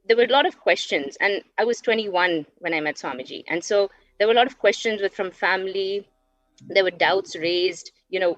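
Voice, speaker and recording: This is personal testimony from a Dubai woman in her thirties, who recounts her own story thoughtfully and sincerely while being interviewed. She speaks in a mid-range voice. The recording is a dull, dry lo-fi stream without any echo.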